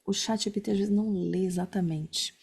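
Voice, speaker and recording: A woman giving a relaxed online lesson, talking through her method in a chatty way. She keeps checking in with her listeners as she goes, and her voice sits at an ordinary middle pitch. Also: brisk, creaky, breathy edge. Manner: chatty, many fillers like né and tá. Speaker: instructor. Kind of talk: casual online class talk.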